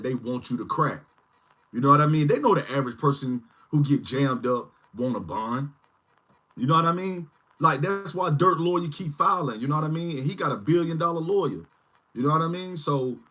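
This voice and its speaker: A man's voice: mid-range voice, sharp tone, husky. A man in his forties hosting a casual livestream, rambling and often asking "you know what I mean". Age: 40s. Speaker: channel host.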